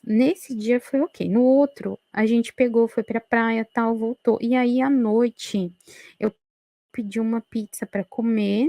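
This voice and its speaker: Creaky Brazilian woman telling her story. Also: mid-range voice, darkish tone, dry recording. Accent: Brazilian Portuguese. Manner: halting, frequent "né" and restarts. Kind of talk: emotional personal testimony.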